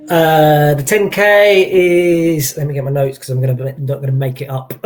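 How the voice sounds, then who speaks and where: A man's voice: fairly high pitch, measured pace. A man giving an informal expert explanation, hesitant, often restarting and qualifying his points. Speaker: employee engagement consultant as guest.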